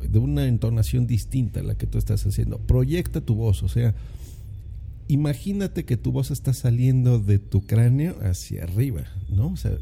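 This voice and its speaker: A man's voice: mid-range voice, creaky, dark tone, husky. A man talking casually on his podcast into a condenser mic at home, explaining things in a chatty way with lots of "eh" and "¿no?". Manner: chatty, explanatory, frequent filler "eh" and "¿no?". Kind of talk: casual solo podcast talk. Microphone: condenser microphone.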